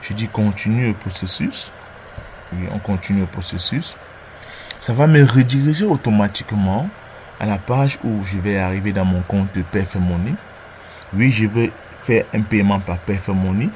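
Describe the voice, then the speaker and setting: A man with a lowish voice talks through a screen-recorded tutorial step by step. He hesitates often and repeats words while he clicks along. A faint hiss sits under his voice. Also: normal speed, darkish tone. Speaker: trading tutorial presenter.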